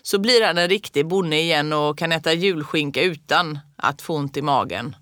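A woman's voice: low-pitched, fairly bright tone, no echo, studio quality. A woman reading the lines of a teasing old grandfather who makes jokes. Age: older.

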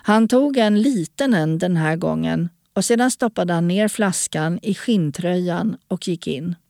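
A woman narrating an audiobook story in a calm, even storytelling manner. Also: fairly low pitch, gravelly, no room sound, studio quality.

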